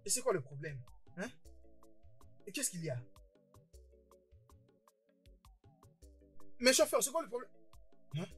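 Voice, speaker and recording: A boastful stammering brother. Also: male voice, on the high side, very animated, moderate pace, soft background music. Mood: agitated. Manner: stammering, repeating words, frequent "hein?". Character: boastful excitable older brother, newly rich, quick-tempered. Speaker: dubbed film character. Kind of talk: French dub of a Nigerian film.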